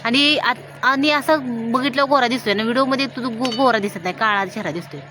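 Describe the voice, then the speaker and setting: A woman in her thirties from Maharashtra vlogs casually to the camera at a village home, outdoors by a wood stove one evening, talking to her viewers and family as she goes. Her voice is a little high and sharp in tone, her pace a little fast. Soft music plays in the background.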